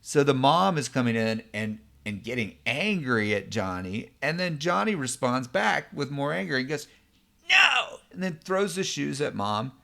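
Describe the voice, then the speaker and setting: A man's voice: mid-range voice, sing-song, moderate pace, gravelly, few pauses, fairly bright tone. A man, a psychologist, explaining a topic in a conversational way, often checking in with the listener. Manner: conversational, many fillers and check-ins. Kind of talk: explanatory lesson.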